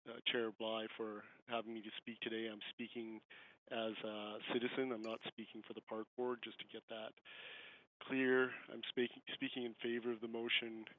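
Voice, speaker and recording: A man in his fifties on a glitchy, faint phone line, speaking haltingly with many fillers during public comment at a council meeting. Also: medium pitch, level tone. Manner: hesitant, halting, full of "you know" fillers. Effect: glitchy, faint phone-line audio.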